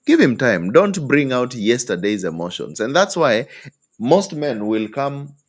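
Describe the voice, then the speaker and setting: A man giving relationship advice to an audience. He talks in an animated way, jumps his pitch up when acting out what partners say, and keeps checking in with "hmm?" and "eh?". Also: a little slow. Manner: animated, acts out quoted partners with leaps in pitch; tag questions like "hmm?" and "eh?". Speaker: relationship speaker.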